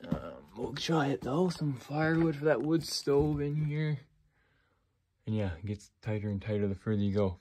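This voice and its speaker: A real estate agent, a man, giving a casual walk-through of an old stone basement, talking plainly with fillers as he goes, recorded on a handheld phone. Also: medium pitch. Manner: relaxed, plain-spoken, thinking aloud with fillers. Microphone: phone camera held by the speaker, moving.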